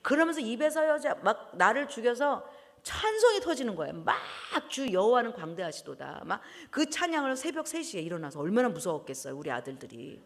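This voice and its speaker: Woman preacher, sermon, animated, frequent laughter, loud bursts, widely swinging pitch, reverberant church hall. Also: a little fast. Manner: animated, laughing often, breaking into loud exclamations.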